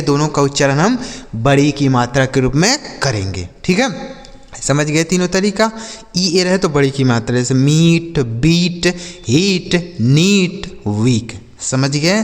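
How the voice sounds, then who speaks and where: A male English teacher, teaching a class. He asks questions and answers them himself, and says words slowly, sound by sound. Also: a little high, long reverb tail. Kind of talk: classroom-style lesson.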